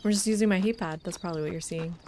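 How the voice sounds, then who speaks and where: A woman's voice: lowish voice, racing, slight background noise. A woman chatting casually as she streams a video game, reacting aloud and answering viewers. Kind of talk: casual livestream gameplay chat. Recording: loud game music and horse sounds behind. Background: western video game music, hoofbeats, animal sounds.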